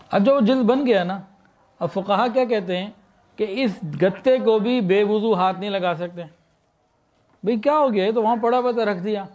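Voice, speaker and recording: A man's voice: high voice, darkish tone. Man preaching with rhetorical questions. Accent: Pakistani Urdu. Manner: explains with rhetorical questions, then leads slow recitation. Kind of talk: sermon.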